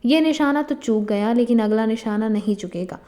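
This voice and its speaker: A woman reading a hot-tempered villainous father in a spoken storybook, barking threats and blustering with rage. The voice stays fairly high. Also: moderate pace, warm tone, lightly acted. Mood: furious. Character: furious older father, gun-waving villain.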